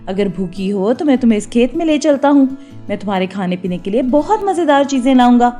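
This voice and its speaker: A woman's voice: a little high, lively intonation, warm tone, soft background music, lightly acted. A woman voicing an eager friendly rabbit. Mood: kind. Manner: eager, comforting. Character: friendly helpful male rabbit.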